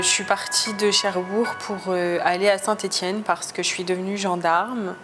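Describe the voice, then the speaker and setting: A woman from France giving a personal testimony in a confessional storytelling style, hesitant and searching for her words. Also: mid-range voice. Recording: music behind the voice. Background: clearly audible music.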